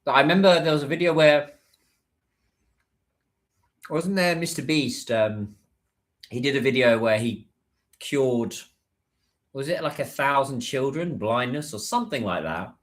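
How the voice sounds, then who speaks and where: A British livestreamer who makes business content chats loosely with his viewers at an ordinary middle pitch. He talks a little slowly, pausing often, rambling and restarting sentences, with lots of "um" and "like" filling the gaps.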